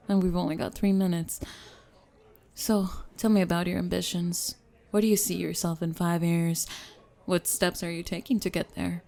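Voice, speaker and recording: A woman playing a brisk, driven CEO on a speed date in a scripted ASMR role-play, formal and businesslike, with pointed questions. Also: fairly low pitch, gravelly, dark tone. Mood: brisk, self-assured.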